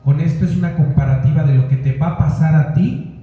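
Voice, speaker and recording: A man's voice: a little high, fairly even intonation, brisk, warm tone. A man preaching a sermon as a pastor, talking straight to his listeners. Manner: conversational preaching, addressing listeners directly. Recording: echoey hall, dull lo-fi sound.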